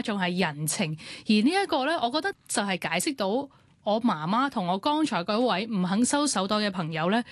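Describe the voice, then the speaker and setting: Female talk host, Hong Kong Cantonese accent, lively melodic delivery, casual discussion, close dry sound. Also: medium pitch, dry recording.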